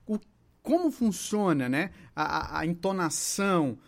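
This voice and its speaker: Homem brasileiro de voz um pouco aguda, em aula informal. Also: male voice, sits high, animated, a little slow, gravelly. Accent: Brazilian Portuguese. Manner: chatty, asks the audience rhetorical questions, acts out patient dialogues. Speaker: holistic therapist teaching. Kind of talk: informal video lesson to viewers.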